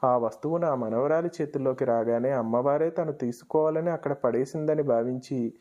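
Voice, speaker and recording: A man's voice: mid-range voice, moderate pace, warm tone, highs cut off, lightly acted. A man voicing a devout, anxious elderly grandmother in a storybook reading, speaking in a pleading, tearful way. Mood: earnest.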